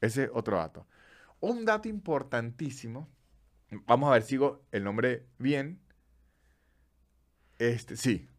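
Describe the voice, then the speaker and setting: Un hombre venezolano con acento venezolano, presentador de podcast, contando datos en charla informal y pausada a ratos. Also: male voice, mid-range voice, sing-song. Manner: chatty storyteller, slows down to list facts. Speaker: podcast host. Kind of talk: casual chat.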